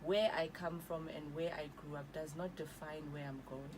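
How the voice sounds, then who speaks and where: Guesting on a radio interview in the studio, this woman in her thirties from South Africa, an author and evangelist, talks earnestly and shifts between languages partway through sentences. She has a low voice with a steady tone and a moderate pace.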